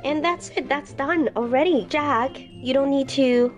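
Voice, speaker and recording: Faint music sits behind a woman's high-pitched, measured voice. She's unboxing toy figures on a casual vlog, breathing heavily as she recovers from the flu, and she gushes over them, repeating words to drive the point home.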